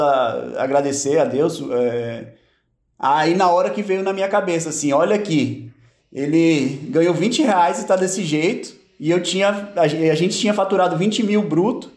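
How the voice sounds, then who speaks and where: A man with a Brazilian Portuguese accent, a guest telling a personal story in a halting, reflective way. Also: fairly high pitch, a little mellow, reverberant.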